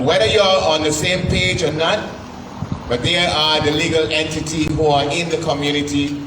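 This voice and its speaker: A fairly high-voiced man moderates an event in halting, drawn-out phrases. He is recorded from a distance with heavy noise around him, and his informal introductions ring with echo. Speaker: host and panel moderator. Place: live community event, picked up from afar.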